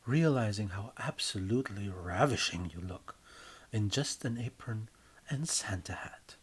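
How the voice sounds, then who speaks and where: A writer reads his own story aloud as dramatic, scripted narration in the second person. His husky voice sits on the low side with lively intonation, and his delivery is theatrical and emphatic, with deliberately shaped phrasing.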